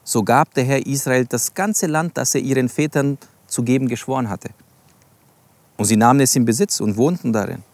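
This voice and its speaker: A man's voice: medium pitch, normal speed, a little mellow, dry recording. Man, preacher, Bible sermon, reads verses and stresses words, dry close sound. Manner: reads scripture aloud and explains it, stressing single words; addresses listeners directly and politely.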